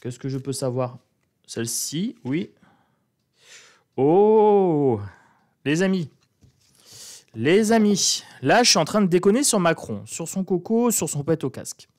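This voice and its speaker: A man's voice: on the high side, animated, unhurried, long pauses, darkish tone. A man with a northern French accent doing a casual, irreverent tarot reading to camera and mocking as he talks. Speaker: tarot card reader.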